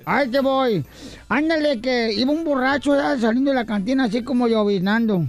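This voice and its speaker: A man's voice: very high-pitched, fairly quick, soft background music. A middle-aged man hosting a comedic morning radio show, joking and slangy. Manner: playful and joking, slangy, acts out joke voices.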